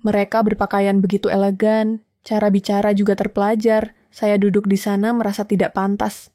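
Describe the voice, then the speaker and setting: A woman voicing a gentle, tired older mother who speaks softly and carefully, in storybook narration. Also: medium pitch, little pitch movement, fairly quick, dry recording, clean studio sound, close to an everyday voice. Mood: weary. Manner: soft and careful.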